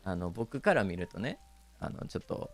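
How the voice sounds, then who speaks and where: A man's voice: low voice, big pitch swings, moderate pace, faint music behind. A man with a Kansai Japanese accent chatting casually on a stream, hesitant and full of fillers, laughing often.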